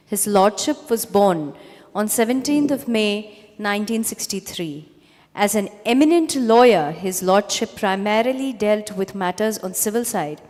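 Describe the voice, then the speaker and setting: Female MC, Indian accent, fairly high voice, formal scripted delivery, reverberant hall. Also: a little mellow. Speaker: master of ceremonies. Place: large hall at a college function. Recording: echoey hall public address.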